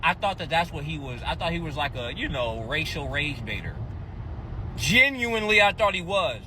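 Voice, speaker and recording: A man's voice: fairly high pitch, sing-song, normal speed. A man on a casual, slangy, exasperated rant, his speech slightly slurred from wearing retainers. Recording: clear car and outdoor noise.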